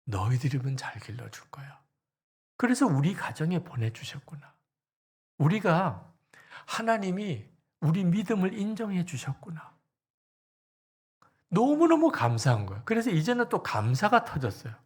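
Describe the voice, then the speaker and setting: A male pastor preaching a sermon in a church, telling stories dramatically and dropping often into breathy whispers. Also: high voice, very animated, normal speed.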